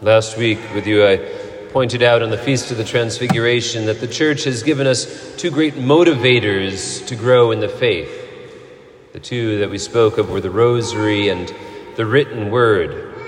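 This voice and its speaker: Priest guy preaching, emphatic then goes soft, echoey church from back a bit. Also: fairly low pitch, normal speed. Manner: earnest, emphatic, drops to soft tones. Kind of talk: sermon.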